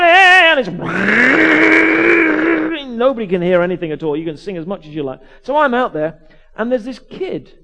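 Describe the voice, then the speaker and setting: Animated vicar telling a story. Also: male voice, high voice. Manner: animated, acts out voices, quick restarts. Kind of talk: storytelling sermon.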